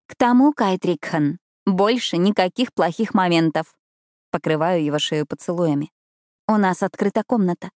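A woman reading a first-person romance audiobook in an intimate, expressive narrating manner. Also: on the low side, normal speed, no echo, studio quality.

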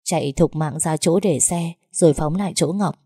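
Woman reading a story out, deep mellow voice, dry close sound. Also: moderate pace, husky, no echo. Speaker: audiobook narrator. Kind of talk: scripted story narration.

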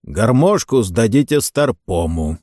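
Male reader doing strict middle-aged captain, curt commands, deceptively soft at times, storybook. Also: lowish voice, big pitch swings, a little slow, no echo, clean studio sound. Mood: stern.

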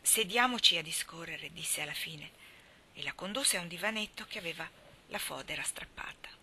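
A woman reading a literary story aloud, with soft, hushed narration that often drops to a whisper. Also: lowish voice, a little fast, a little hiss or hum. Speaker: reader.

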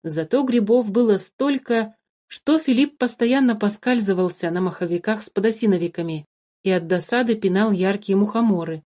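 A woman narrating a children's fairy-tale story in an expressive reading voice. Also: medium pitch, normal speed.

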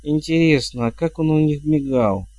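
A man's voice: fairly high pitch, normal speed, darkish tone, dry recording, lightly acted. A man voicing an eager, fussy young woman witch.

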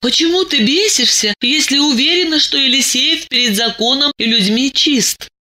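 Woman voicing a stern weary investigator woman, firm, cold, measured, bright voice, audiobook. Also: fairly high pitch, big pitch swings, pitched above the performer's own voice, exaggerated voice. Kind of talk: dramatic audiobook reading.

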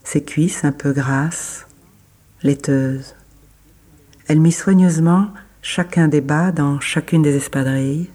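Reading literary prose as scripted narration, a man phrases things in a measured, deliberate way and pauses between phrases. His voice is a little high and a little mellow.

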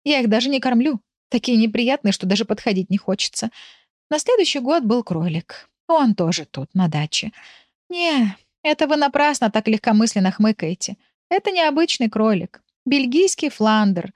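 A woman doing a flustered, chatty village lady who complains in a lively, swooping voice. She is heard in a dry, close recording with no room sound. It is an audiobook character voice. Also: fairly high pitch, moderate pace, dry recording, voice pushed up. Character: talkative flustered village woman, pet owner.

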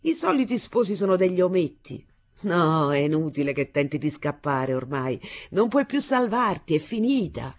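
A woman reading aloud voices a brash young husband who mocks and threatens his bride in loud bursts. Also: lowish voice, sing-song, normal speed. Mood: menacing. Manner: mocking, menacing, loud bursts.

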